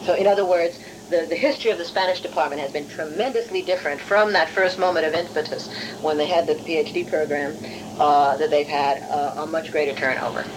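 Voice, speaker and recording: In an oral history interview, a middle-aged university professor from Hungary recounts her academic path in non-native English, carefully and discursively, often correcting herself. Her low voice moves fairly quickly, with noise in the background.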